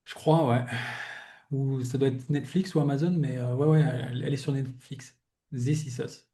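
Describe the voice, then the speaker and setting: Warm and steady, this young man's mid-range voice moves at a normal speed as he hosts a podcast. Talking casually and from the heart with his guest, he muses aloud, wanders off track, restarts his sentences and keeps dropping "tu vois."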